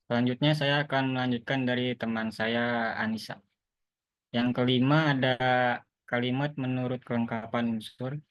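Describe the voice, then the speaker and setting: Young man reading notes flatly. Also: medium pitch, normal speed, dry recording. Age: young adult. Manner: flat, dutiful reading of a script. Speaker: student presenter. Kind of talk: reading a class presentation. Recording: dry, dull lo-fi recording.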